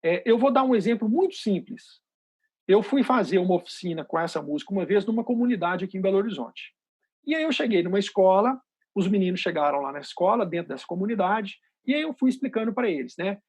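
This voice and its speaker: A man teaching a rhythm workshop, patiently explaining and counting beats out loud. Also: high voice, lively intonation, quick pace, breathy edge. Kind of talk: rhythm lesson.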